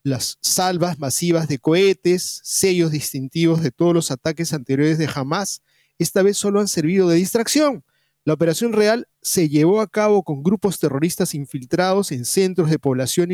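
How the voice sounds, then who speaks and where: A man reading a news analysis aloud in a steady, formal way. His voice sits fairly high for a man. The recording is dry and close. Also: normal speed, dry recording. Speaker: article reader.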